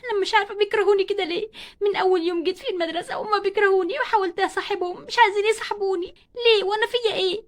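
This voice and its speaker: A timid, bullied schoolgirl with an Egyptian Arabic accent whimpers and pleads through her tears, voiced by a woman. Her voice is very high and the words tumble out fast. It is a homemade doll story role-play. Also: fairly even intonation. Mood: tearful.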